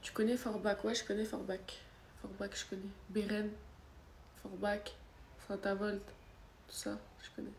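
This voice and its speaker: Speaking a little slowly at medium pitch with little movement in her voice, a young woman from France who has a cold chats casually on a phone livestream. She sits on her living-room sofa answering viewers' comments, the phone at arm's length, in an echoey room with faint background noise.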